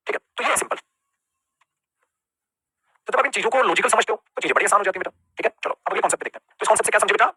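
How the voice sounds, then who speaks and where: A high, bright-voiced Indian man teaching at a rapid clip, with a slightly husky edge. He drills a grammar class, throwing out questions and answering them himself. The sound is close and dry. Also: dry recording. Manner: calls students "beta" and asks them questions he answers himself; mixes Hindi with English terms. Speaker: English teacher.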